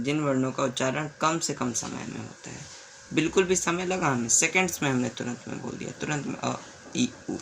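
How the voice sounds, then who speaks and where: A man teaching the alphabet in a slow classroom way. He repeats sounds, asks the class questions and writes on a board as he goes. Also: mid-range voice, gravelly, fairly bright tone, a little hiss or hum. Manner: stops to write on a board while talking. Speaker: Hindi teacher.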